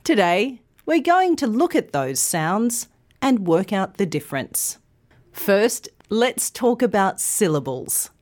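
Slow, lively woman teacher. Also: medium pitch. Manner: carefully enunciated, demonstrative. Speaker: English teacher. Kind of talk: scripted language lesson.

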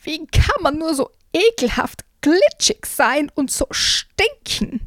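Shrieking crowned monster. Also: female voice, very animated, slow pace, fairly bright tone, no echo, clean studio sound, heavily acted. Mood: disgusted. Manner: shrieking, high and disgusted.

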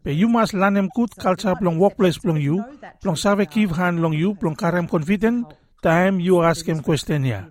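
A man's voice: sits high, normal speed. A man with a Solomon Islands accent presenting a scripted explainer in Solomon Islands Pidgin. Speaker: radio presenter.

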